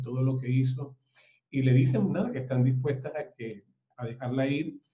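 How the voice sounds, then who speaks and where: A man hosting an online talk on a film, speaking reflectively and often repeating words as he searches for the next one. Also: mid-range voice. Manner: halting, repeats words while searching for them. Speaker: host discussing a film. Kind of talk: spoken film commentary and reflection. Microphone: online live stream. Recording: roomy, dull lo-fi sound.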